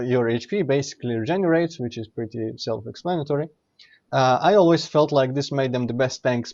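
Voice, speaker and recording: A man commentates casually over his own game playthrough. He explains as he goes, rambling and correcting himself, in a middle-pitched voice through a slightly dull microphone. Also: a little mellow. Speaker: streamer playing and commenting. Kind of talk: casual let's play commentary.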